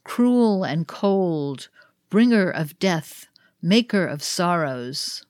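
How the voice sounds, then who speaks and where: A woman's voice: on the low side, animated, drawn-out words, darkish tone, dry recording, clean studio sound. A woman reading as a ceremonious master of ceremonies. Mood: formal.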